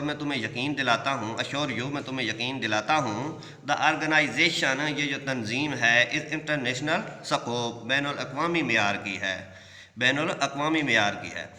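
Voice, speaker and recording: A man teaching English by translating a story line by line. He reads each English line slowly, then explains it at length. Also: mid-range voice, bright, forceful tone. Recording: echoey room with long reverb.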